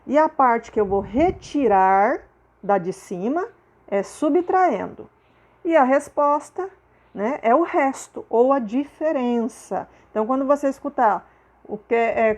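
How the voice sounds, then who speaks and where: A woman's voice: a little high, a little mellow. A woman teacher with a Brazilian Portuguese accent explains homework step by step to children, often checking in with "né?" and "ok?". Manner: patient, repeats terms and checks in with "né?" and "ok?".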